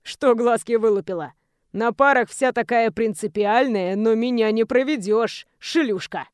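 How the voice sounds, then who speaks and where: A woman's voice: fairly high pitch, measured pace, smooth, dry recording, studio quality, voice pushed down, close to an everyday voice. A woman reading an audiobook, voicing an arrogant, crude young male student who sneers and taunts. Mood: sneering threatening.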